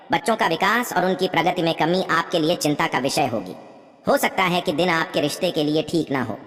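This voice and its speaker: A woman reading a scripted horoscope in a steady way, often calling the listeners her friends. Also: fairly low pitch, big-room sound. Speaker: horoscope presenter.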